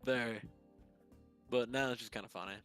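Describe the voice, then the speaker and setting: A man's voice: mid-range voice, fairly even intonation, a little fast, fairly bright tone, smooth, faint music behind. A young man co-hosting a podcast, telling a work story in a casual, rambling way and laughing at himself. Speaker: podcast co-host.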